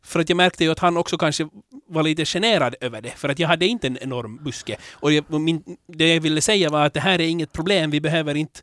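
A man hosting a podcast in casual chat, candid and rambling, with many restarts, growing animated when telling stories. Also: fairly high pitch, hardly any pauses, no room sound, studio quality. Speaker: podcast host.

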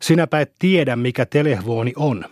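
A man's voice: medium pitch, lively intonation, a little mellow, dry recording, studio quality, natural voice. A man voicing a boastful little village boy who eagerly explains things he half understands.

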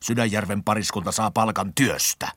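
An actor playing a stern, irritable middle-aged factory director in an old radio drama, gruff and scolding. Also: male voice, on the low side, fairly even intonation, a bit bright, dry recording. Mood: contemptuous.

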